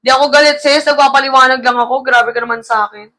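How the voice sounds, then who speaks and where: A woman selling clothes on a livestream, tired after shouting earlier, talking in a brisk, repetitive sales patter with a slightly gravelly sound through her mic. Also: sits high, fairly even intonation. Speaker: online live seller. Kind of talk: live-selling sales pitch. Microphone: close-up streaming mic.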